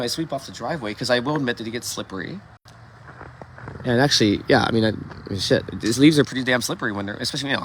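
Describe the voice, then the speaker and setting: A man's voice: mid-range voice, fairly bright tone, slight background noise. A man hosting a livestream from his yard before dawn, rambling candidly with frequent swearing and restarts, recorded on a phone. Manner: candid, profane, meandering with many restarts. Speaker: livestream host. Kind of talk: casual rambling monologue.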